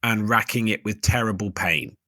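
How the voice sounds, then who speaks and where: A man playing a tabletop game, laying out his plan deliberately and checking the rules. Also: on the low side, steady tone, sharp tone, dry recording, studio quality. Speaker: player. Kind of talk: casual tabletop play.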